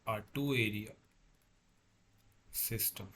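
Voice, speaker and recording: A man lecturing as a tutor, working through a problem step by step in a halting way, repeating and correcting himself. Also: on the low side, a bit bright, slight background noise. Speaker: engineering tutor.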